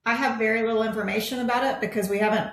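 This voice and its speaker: A woman's voice: a little high, steady tone, racing. A woman guest on a podcast, speaking in friendly, plain casual chat with some hesitant fillers. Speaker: guest, federal contract specialist. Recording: roomy echo.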